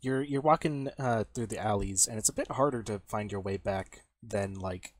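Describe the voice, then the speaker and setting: A man's voice: on the low side, moderate pace. A man running a tabletop game as game master, narrating casually with lots of fillers, restarts and swearing. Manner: rambling, many fillers and restarts, swears freely.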